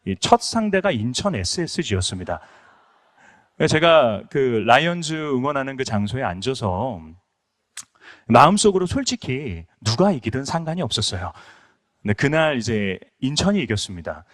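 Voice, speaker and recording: A middle-aged pastor from Incheon, South Korea, speaks at a moderate pace in a sing-song, medium-pitched voice during a conference lecture in a hall. He tells stories earnestly, using many fillers.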